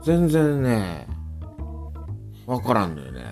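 A man's voice: medium pitch, wildly swooping pitch, slow, darkish tone, soft background music. A man from Ehime with a Kansai-tinged accent, co-hosting a casual podcast chat and trailing off at line ends. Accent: Ehime mixed with Kansai. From Ehime, Japan. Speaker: podcast co-host.

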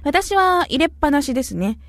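A woman with a Kyushu Japanese accent hosts a casual radio show, reading out listener mail with a playful, chatty manner. Her voice sits a little high. The recording is dry and close, with no room sound. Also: sing-song, fairly quick, no room sound. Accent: Kyushu Japanese dialect. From Kumamoto, Japan. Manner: playful, chatty, often slips into dialect.

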